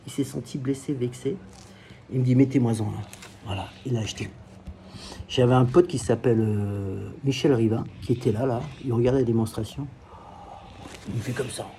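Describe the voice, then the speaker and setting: A man's voice: mid-range voice, a little fast, mellow, slight background noise. A man from France telling crude, joking anecdotes about selling knives in a casual vlog, swearing often. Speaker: knife seller. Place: at home by a pool.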